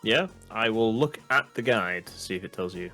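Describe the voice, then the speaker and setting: Lively, bright male co-host for game commentary, chatty, music faint underneath. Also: fairly low pitch, moderate pace, creaky. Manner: chatty, animated, reads the guide aloud. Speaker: let's play co-host.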